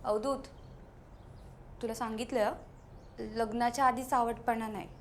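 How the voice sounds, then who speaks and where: An actress playing a quick-tempered young woman engaged to be married, with sharp, snappish delivery. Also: on the high side, fairly even intonation, a little hiss or hum. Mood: scolding. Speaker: young fiancée.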